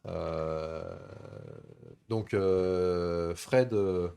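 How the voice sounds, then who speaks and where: A man's voice: sits low, drawn-out words, vocal fry, dark tone, smooth. A man with a radio-presenter voice that is easy to listen to, telling stories casually as host of a live stream. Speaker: host of a combat sports stream.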